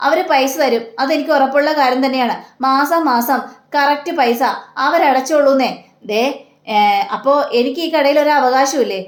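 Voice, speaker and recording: A woman's voice: high-pitched, normal speed, reverberant. A woman retelling a TV serial episode, acting out each character's lines in turn with lots of fillers. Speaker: serial reviewer.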